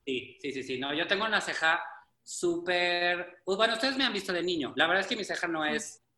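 A man's voice: sits high, animated, brisk, pushed and bright, roomy sound. A man, a drag performer chatting casually, meandering with frequent restarts. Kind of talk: casual chat.

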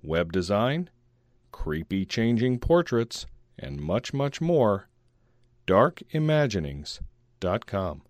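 A male announcer gives a scripted sponsor read. His voice is fairly low and animated, taken at an unhurried pace in a dry recording. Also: no room sound.

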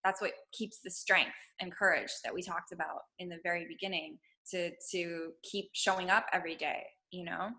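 Bright-voiced woman, earnest and rambling. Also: lowish voice, steady tone, moderate pace, few pauses. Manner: earnest, rambling with many fillers and restarts. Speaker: podcast guest. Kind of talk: casual spiritual chat. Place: at home.

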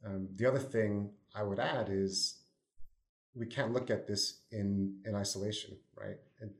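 Podcast guest, New Jersey man, thoughtful and easygoing, deep voice. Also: steady tone, measured pace. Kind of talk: casual discussion. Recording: roomy echo.

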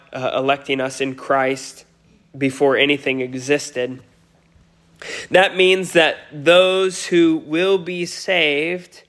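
A man's voice: fairly high pitch, a bit bright. A pastor giving a Sunday sermon, his voice nasal today, speaking earnestly with frequent restarts. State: nasal from a cold.

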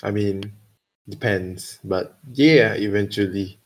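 Slow, low-voiced young Singaporean man in Singlish. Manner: colloquial Singlish, hesitant and hedging. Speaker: podcast guest. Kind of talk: casual chat.

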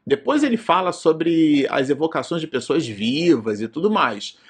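A Brazilian man with a slightly raised, husky voice delivers a loose study lecture. He wanders into side remarks and keeps checking in with short filler tags. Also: a little high, expressive, normal speed. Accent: Brazilian Portuguese. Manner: digressive, frequent filler tags and restarts. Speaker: presenter of a spiritist study program.

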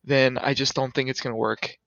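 A man's voice: medium pitch, flat delivery, fairly quick, creaky, fairly bright tone, no echo. A man playing a smug, vain young boyfriend in a comedy skit, teasing and mock-serious. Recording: dull lo-fi sound.

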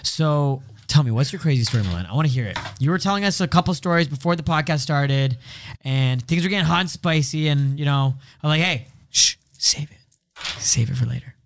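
A man's voice: on the high side, animated, brisk. A man hosting a podcast in casual banter, brash and joking with his guests, swearing freely. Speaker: podcast host.

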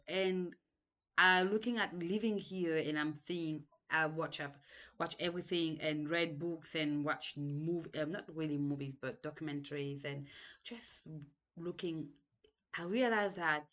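Her voice is low-pitched and a bit bright. A young woman from Cameroon with a Cameroonian accent, she hosts a podcast and reflects on her past, hesitating, restarting sentences frequently, and filling pauses with ums.

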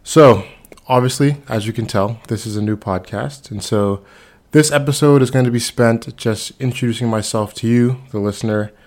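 A man in his twenties from the Bahamas, introducing himself as host of a solo podcast in a relaxed, conversational way with frequent fillers. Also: mid-range voice, moderate pace. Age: 20s.

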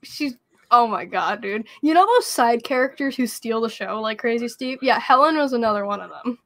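A young woman co-hosting a casual pop-culture podcast, excitable and giggly as she trades fan theories. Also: fairly high pitch, normal speed. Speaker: podcast co-host. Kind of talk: casual chat.

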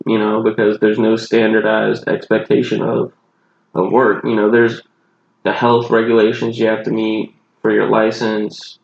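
A man's voice: on the low side, monotone, moderate pace, vocal fry, roomy sound, muffled recording. A man with a Southern accent and a groggy voice, a bartender co-hosting a podcast and rambling casually about his work. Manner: rambling, loose, swears casually. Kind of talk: casual chat.

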